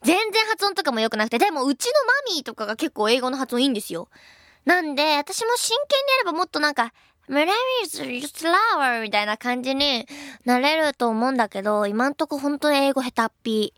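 A woman's voice: sits high, very animated, quick pace, a bit bright, no room sound, studio quality. A young woman hosting a radio show, chatting casually and reading listener mail in a bubbly, self-deprecating way. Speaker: radio host.

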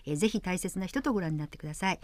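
A woman hosting a radio interview, brisk and attentive, with frequent short backchannels. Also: fairly low pitch, animated, dry recording. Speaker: radio host.

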